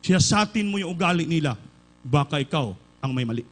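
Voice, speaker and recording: A man from the Philippines delivers a sermon, moving from an anecdote into loud, fervent calls to his listeners. His voice sits a little high for a man, and he switches into English phrases now and then. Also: animated, brisk, rough recording. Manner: storytelling, building to loud fervent exhortation; mixes English phrases into Filipino preaching. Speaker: preacher.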